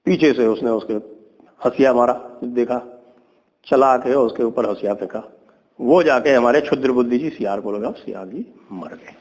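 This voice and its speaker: A man hosting a talk who retells an old fable with lively storytelling and commentary. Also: normal speed, long reverb tail, rough recording. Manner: lively storytelling, drops to low asides. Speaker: host, commentator.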